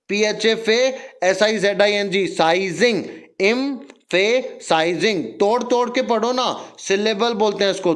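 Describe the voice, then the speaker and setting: A man teaching English grammar at a slow, deliberate pace, stretching out words and spelling them letter by letter. His voice sits high for a man. He keeps firing questions at his students and has them answer back in chorus. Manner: drills students with repeated questions and call-and-response; slow, spelling out and stressing each word. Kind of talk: classroom lesson in Hindi with English examples.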